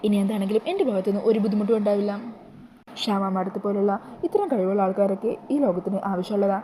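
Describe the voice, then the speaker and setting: A woman's voice: medium pitch, steady tone, fast talker, mellow, slight background noise, lightly acted. A woman voicing a polite young man apologizing to a lady in a retold TV serial. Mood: apologetic.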